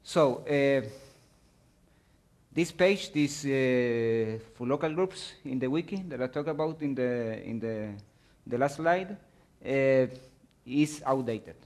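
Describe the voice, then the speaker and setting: A man presents a technical talk at a conference, walking his audience through his slides. His delivery is halting, with frequent pauses and restarts as he searches for the right words. His pitch sits in an ordinary middle range for a man. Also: darkish tone.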